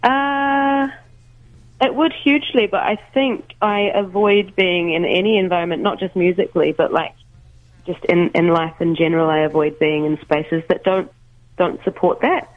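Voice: mid-range voice, steady tone, normal speed, no room sound. A musician guest talking casually by phone from home, hesitant, with many ums and restarts. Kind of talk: casual interview over the phone. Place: at home, making coffee. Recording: tinny phone line.

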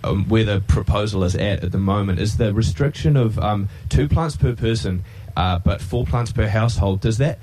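A man with a New Zealand accent asking polite, halting questions as a radio interviewer. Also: on the low side, a little mellow, a little hiss or hum.

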